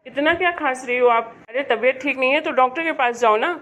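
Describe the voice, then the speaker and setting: A woman's voice: high-pitched, brisk, a bit bright. A woman voicing an irritable adult son who scolds his mother impatiently in a family drama. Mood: scolding. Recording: dull lo-fi home recording.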